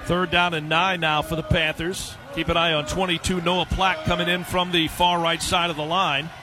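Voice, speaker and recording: High-voiced male football play-by-play announcer. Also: flat delivery, normal speed. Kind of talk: live football commentary. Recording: stadium noise behind the voice.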